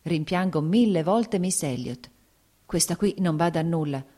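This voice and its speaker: A woman voicing Dolly, an agitated aristocratic mother in a read-aloud novel, scolding and quick to emotion. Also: fairly low pitch, dark tone, natural voice. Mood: anxious.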